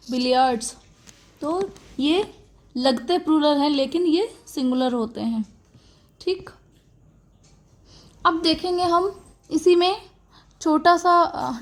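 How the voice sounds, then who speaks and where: High-voiced woman teaching grammar slowly. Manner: explains patiently, repeating words and checking with "okay" and "theek". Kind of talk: classroom grammar lesson.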